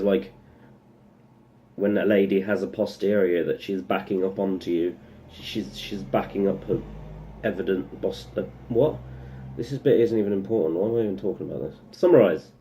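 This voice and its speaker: A young man vlogging a casual opinion piece in a lowish, mellow voice. He rambles and goes off on sarcastic tangents, then cuts himself short and drags the point back. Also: moderate pace, a little hiss or hum. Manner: rambling, sarcastic, full of self-interrupting asides.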